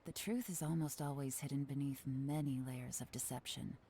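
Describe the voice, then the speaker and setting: A woman voicing a composed intelligence chief in a video game, speaking calmly and with quiet authority over faint game music. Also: extremely low pitch, moderate pace, slight background noise. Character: cool-headed woman spymaster giving orders. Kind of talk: game voice acting.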